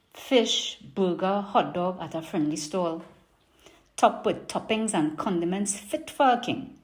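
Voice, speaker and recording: A woman's voice: medium pitch, darkish tone. A woman reciting a rhyming dialect poem in a strong Trinidadian market accent, with a lilting, emphatic delivery. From Trinidad and Tobago. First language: English.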